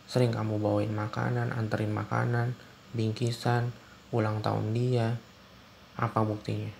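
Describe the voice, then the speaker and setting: A man's voice: on the low side, monotone, normal speed, vocal fry, a little mellow, a little hiss or hum. A young man acting out a stern, controlling husband in an ASMR role-play, talking in a lecturing, repetitive way.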